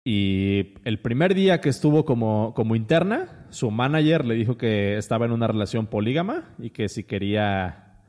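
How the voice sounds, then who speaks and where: A man's voice: medium pitch, animated, moderate pace, a little mellow, long reverb tail. A man with a Mexican accent hosting a casual podcast chat, rambling with many restarts and fillers. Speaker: podcast host.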